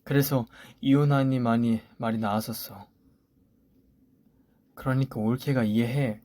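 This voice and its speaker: A man's voice: medium pitch, fairly even intonation, measured pace, warm tone, natural voice. A man voicing an older sister-in-law on the phone who makes excuses and coaxes the wife to understand, in a story radio drama. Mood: placating. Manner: coaxing, excuse-making. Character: older sister-in-law, placating but blaming.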